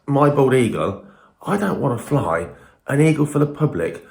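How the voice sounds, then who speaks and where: A man's voice: mid-range voice, sing-song, moderate pace, creaky, a little mellow, roomy sound. A man giving an informal, emphatic and opinionated talk to camera as a falconer presenting his own video, often throwing in rhetorical questions.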